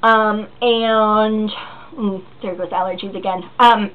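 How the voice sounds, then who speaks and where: A woman's voice: medium pitch, steady tone, takes it slowly. A woman in her early twenties chatting casually as a vlogger answering viewer questions, rambling and giggly with lots of ums and likes. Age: 20s. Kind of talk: casual chat. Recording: tinny phone-like recording.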